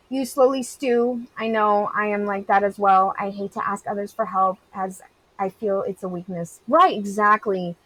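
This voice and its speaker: Her voice is medium-pitched and a bit bright as she, a game streamer in her thirties, chats casually with her live audience. She answers them in a candid, wandering way, saying "like" a lot. The recording is rough, with no echo.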